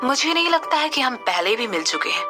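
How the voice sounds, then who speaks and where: A poised, confident young woman with cool authority, calm and a little haughty, voiced by a woman narrator. Her voice rises a little higher than the narration. Clear music runs underneath. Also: normal speed. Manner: calm, composed, slightly haughty.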